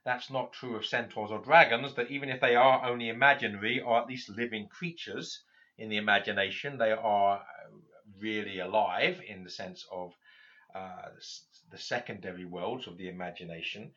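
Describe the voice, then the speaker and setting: Halting low-voiced male lecturer, muffled. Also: pushed and bright. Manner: halting, many fillers and restarts. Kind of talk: literature lecture.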